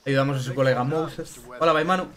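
A man giving chatty, excitable let's play commentary and greeting his chat. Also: mid-range voice, fast talker, a crowd in the background. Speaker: gaming streamer.

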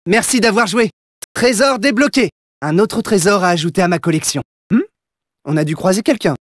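A man's voice: high voice, moderate pace, no echo, clean studio sound. An actor playing a plucky young male phantom thief in a French video game dub, cocky yet loyal, with a theatrical, showy delivery. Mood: composed. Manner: theatrical, showy, punchy catchphrases.

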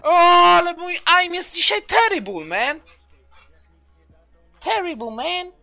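A man in his twenties streaming a game live, loud and excitable, swearing and throwing in English phrases, on a headset in a small room. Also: very high voice, takes it slowly, soft background music. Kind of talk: live gameplay commentary.

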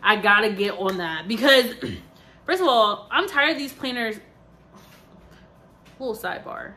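Her fairly high, expressive voice sounds pushed and bright, and she takes her time. A tired woman in her twenties, she keeps up a rambling, filler-heavy casual chat with her vlog viewers.

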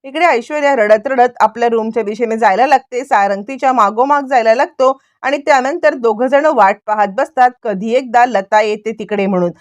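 A woman retelling a TV serial episode as a brisk story recap, with many repeated fillers. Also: on the high side, dry recording.

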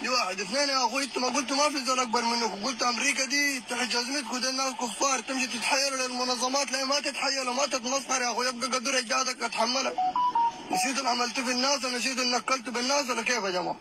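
A man with a Sudanese accent delivering a heated, taunting rant that rises to shouts. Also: very high-pitched, steady tone, racing, very noisy. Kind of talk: angry recorded rant.

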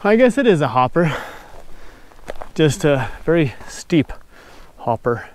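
A man's voice: a little high, sing-song, takes it slowly, slight background noise. Enthusiastic man vlogging outdoors. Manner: enthusiastic, easygoing, exclaims often. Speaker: mine explorer vlogger. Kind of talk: casual outdoor vlog narration. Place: outdoors in desert hills and mine tunnels. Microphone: lapel mic.

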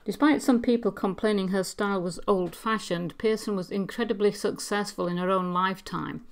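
A woman presenting paintings for an auction preview, speaking in a measured, appreciative way with frequent pauses. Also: mid-range voice, steady tone. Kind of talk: art commentary on paintings.

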